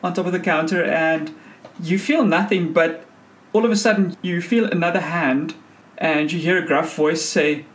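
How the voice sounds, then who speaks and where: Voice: medium pitch, fairly even intonation, moderate pace. A game master improvising scene narration for a tabletop game in a conversational way.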